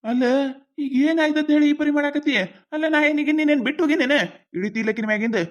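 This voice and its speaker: A woman's voice: sits high, fairly even intonation, fast, close to an everyday voice. A woman with a North Karnataka Kannada accent voicing a henpecked village husband in a cartoon comedy, pleading and placating. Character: henpecked village husband caught between two women. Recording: dull lo-fi sound.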